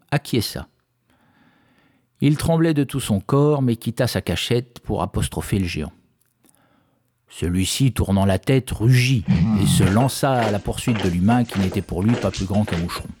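A man narrating a fairy tale in a measured, expressive reading. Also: on the low side, breathy edge. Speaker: storyteller.

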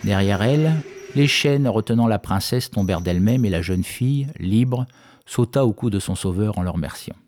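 Mellow-voiced male storyteller. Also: lowish voice, expressive, normal speed. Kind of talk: scripted fairy-tale narration.

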